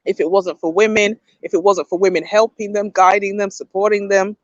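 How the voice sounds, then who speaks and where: A woman's voice: mid-range voice, flat delivery, brisk, no echo, highs cut off. A woman hosting a podcast livestream, giving emphatic opinions and reading chat comments aloud. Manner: opinionated, emphatic, often adds "okay?". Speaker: podcast host.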